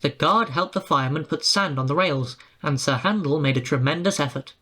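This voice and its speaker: A man's voice: on the high side, fairly quick, pushed and bright. A man reading a storybook aloud and putting on voices for the engines and coaches. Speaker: storybook narrator.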